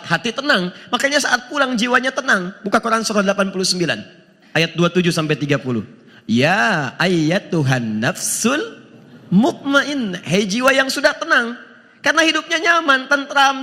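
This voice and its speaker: A man preaching a sermon, emphatic and questioning his listeners. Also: high voice. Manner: animated, emphatic, asks the audience questions. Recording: long hall reverb.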